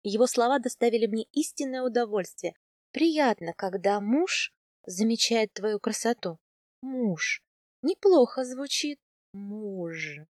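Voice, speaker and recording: A woman narrating a first-person audiobook in a lively, expressive reading voice. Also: on the high side, takes it slowly, no room sound, clean studio sound. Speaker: audiobook reader.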